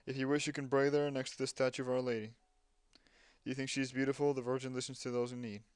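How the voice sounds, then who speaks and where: A man's voice: mid-range voice, little pitch movement, fast talker, smooth, no echo. Snarky man reading game text aloud. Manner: reads dialogue aloud, breaks off with sarcastic asides. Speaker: gamer playing a game.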